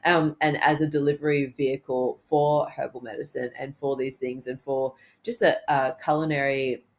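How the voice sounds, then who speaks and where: Low-voiced woman naturopath guest. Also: steady tone, moderate pace. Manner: warm, rambling, lots of ums and affirmations. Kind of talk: casual interview chat.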